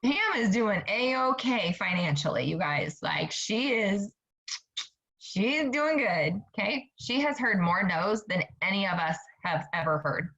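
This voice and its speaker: A woman's voice: medium pitch, lively intonation, unhurried, a bit bright, dull audio. A woman in her thirties giving a motivational talk to her sales team, chatty and upbeat, often turning to her listeners directly. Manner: chatty, upbeat, keeps saying "you guys". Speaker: network marketing team leader.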